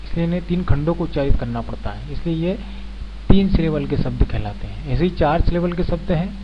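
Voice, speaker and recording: Speaking briskly with lively intonation and a fairly high voice, a man gives a slow-paced beginner English grammar lesson. He breaks each point down step by step and repeats the example words. The audio is lo-fi and dull, with a little background noise.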